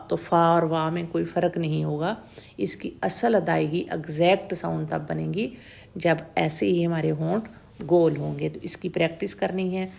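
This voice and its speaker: A woman teaching tajweed pronunciation, slowly and patiently demonstrating each letter sound over and over and checking that the learner follows. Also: lowish voice, vocal fry, darkish tone. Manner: mixes English words into Urdu, checks in with "theek hai?". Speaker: Quran recitation teacher.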